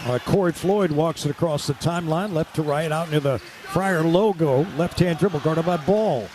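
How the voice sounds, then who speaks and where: Calling a basketball game live on radio, an American play-by-play announcer speaks in clipped present-tense bursts. His pitch runs on the high side with a darkish tone at normal speed, and crowd and arena sounds come through clearly.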